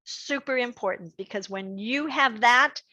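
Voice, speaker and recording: A middle-aged woman giving an online fundraising workshop in a lively, animated way. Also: a little slow, no echo. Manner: lively, animated delivery with pitch jumps.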